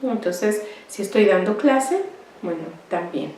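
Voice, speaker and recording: Woman teaching a class, slow and mellow, sounds far off in a roomy hall. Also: medium pitch, lively intonation. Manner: slow, explanatory, asks rhetorical "¿verdad?" often; clears throat now and then. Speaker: lecturer. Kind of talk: university class lecture. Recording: echoey room, voice far from mic.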